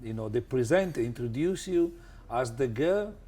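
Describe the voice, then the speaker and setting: A man hosting a podcast interview, effusive in his praise and often halting and restarting mid-sentence. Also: mid-range voice, animated, dark tone. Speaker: podcast host.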